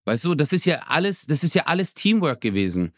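A man's voice: on the high side, sing-song, quick pace, fairly bright tone, dry recording, studio quality. A man in his thirties co-hosting a podcast, telling stories in loose slang and acting out what people said. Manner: loose, slangy storytelling, acts out quotes. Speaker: podcast co-host. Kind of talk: casual chat.

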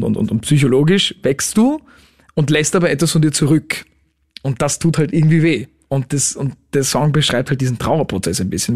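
Late-twenties man, chatty pop musician. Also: mid-range voice. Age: late 20s. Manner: lively, mixes English words into speech. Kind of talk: casual interview.

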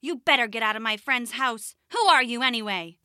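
Woman voicing a cocky storybook hyena, brash, loud, dry sound. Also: a little high, a little fast, no room sound. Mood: challenging.

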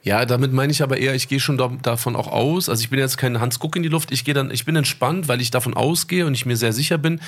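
Man, thirties, podcast co-host, laid-back, slangy, animated storyteller. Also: medium pitch, fast, hardly any pauses. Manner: animated storyteller, acts out phone calls. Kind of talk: casual chat.

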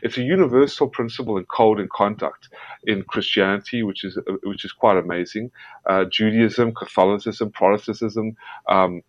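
Speaking at a moderate pace in a lowish voice, this South African guest, an investigative journalist, responds to an interviewer with earnest emphasis, frequently tripping over and repeating his words. There's no echo, and the audio is dull, dry and lo-fi.

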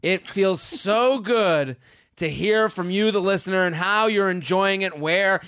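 A man with a high, bright voice hosts a comedy podcast. He talks casually and exuberantly to his listeners, repeating himself and hyping himself as he goes. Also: measured pace, smooth. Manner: exuberant, repetitive, self-hyping.

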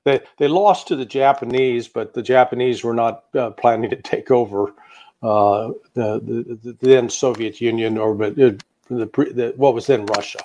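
A man from the United States speaks at an ordinary mid pitch, measured and deliberate, working through a long answer as a guest analyst making a case in an interview. He pauses often, with frequent fillers, hesitations and restarts, and the sound is lo-fi.

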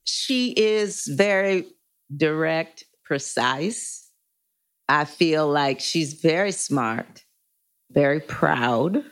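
A woman's voice: deep voice, animated, very slow, smooth. A woman actor and producer talking casually and thoughtfully about a role she is playing. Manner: thoughtful, searching for words. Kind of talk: casual chat.

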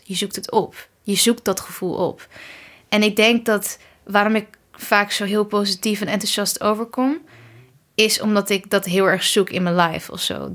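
A woman's voice: medium pitch, fairly bright tone. A young woman from the Netherlands, a pop singer being interviewed, talking in an enthusiastic, chatty way with English words mixed in. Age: young adult. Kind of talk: casual interview chat. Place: bedroom at her parents' home.

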